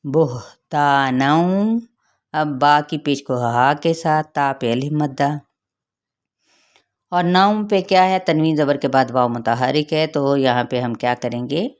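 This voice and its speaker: Low-voiced Pakistani woman teaching tajweed. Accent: Pakistani Urdu. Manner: explains each letter slowly, then recites verses in a higher voice. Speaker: Quran recitation teacher. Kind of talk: tajweed lesson with recitation.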